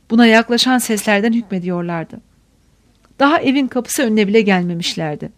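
A woman reading a crime novel aloud as an audiobook narrator, in a steady, measured storytelling manner. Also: on the high side, dry recording, clean studio sound.

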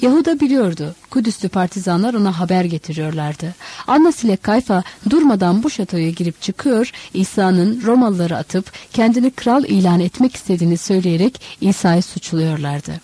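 A woman reading a novel aloud as audiobook narrator, measured and expressive. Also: mid-range voice, breathy edge.

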